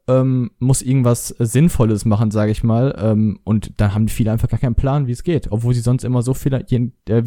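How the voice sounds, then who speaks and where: Young guy, super mellow dark voice, kinda hesitant, lots of ums, dry sound. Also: mid-range voice, dry recording. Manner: hesitant, frequent "ähm" and restarts. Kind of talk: casual chat.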